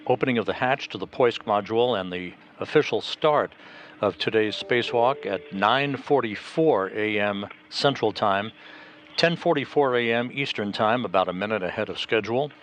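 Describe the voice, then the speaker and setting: A low-pitched American man delivers live mission commentary. He is formal and measured, pausing often to hesitate, with a faint layer of noise behind him. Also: fairly bright tone.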